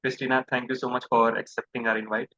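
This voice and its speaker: Man hosting, quick and bright, monotone, dry and dull lo-fi sound. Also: mid-range voice, no room sound. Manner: brisk, polite, scripted introductions. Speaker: podcast host. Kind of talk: interview hosting.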